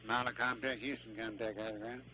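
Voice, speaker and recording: A man's voice: lowish voice, little pitch movement, a little fast. A man working as a communications controller, giving clipped check calls over the radio like a pilot. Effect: radio transmission. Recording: very noisy, beeping radio loop.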